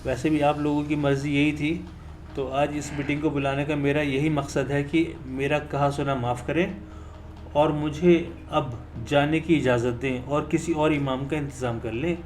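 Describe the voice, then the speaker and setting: A man telling a motivational story as scripted narration, in a steady, earnest way. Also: on the high side, moderate pace, slight background noise. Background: faint music.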